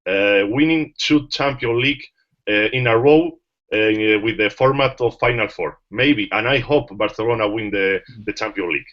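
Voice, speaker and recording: Halting man on a call. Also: on the low side. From Spain. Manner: halting, many fillers and restarts. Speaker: journalist panelist. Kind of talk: casual panel discussion. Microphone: video call. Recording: muffled online call audio.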